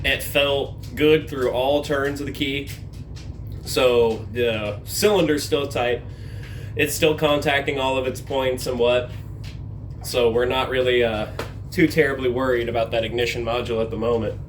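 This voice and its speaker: A man's voice: medium pitch, steady tone, a little slow, faint music behind. A man talking casually like a hands-on mechanic, explaining a repair to the camera in an informal, folksy way. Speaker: amateur mechanic presenting a truck repair. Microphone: handheld camera held while working. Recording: clear vehicle and engine noise.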